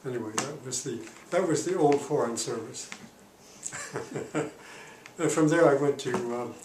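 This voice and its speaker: This oral history interview features a retired diplomat in his eighties recounting his past. His calm speech keeps stalling with pauses and fillers as he searches for the right words, his pitch ordinary for a man. The sound is roomy and distant, with faint hiss behind him.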